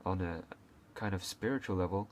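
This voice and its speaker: Halting and casual, a low-voiced young video creator from Hong Kong talks unscripted to camera in a slightly mellow tone. He uses many fillers and restarts, coughs occasionally, and there is slight background noise.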